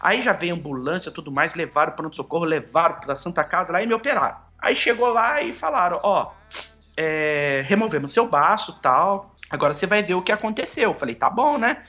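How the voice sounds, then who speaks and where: A young man, telling his story as a guest in an animated, casual way, acting out quoted dialogue. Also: fairly high pitch, a little fast. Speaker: podcast guest.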